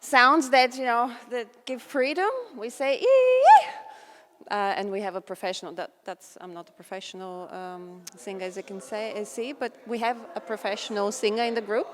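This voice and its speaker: A woman's voice: a little high, normal speed. A woman from Bulgaria, answering interview questions in an earnest, chatty way with many fillers. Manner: earnest, warm storytelling with fillers. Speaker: interviewee, folk dancer.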